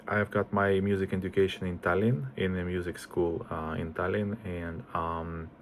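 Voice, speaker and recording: Low-voiced hesitant man. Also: flat delivery, normal speed, slight background noise. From Estonia. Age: 40s. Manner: hesitant, many fillers and restarts. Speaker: composer introducing himself. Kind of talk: casual self-introduction.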